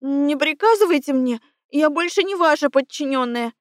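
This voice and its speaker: Woman playing a hoarse, feverish young woman. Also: high voice, lively intonation, normal speed, no room sound, clean studio sound, voice pushed up. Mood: indignant. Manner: indignant, rising outbursts.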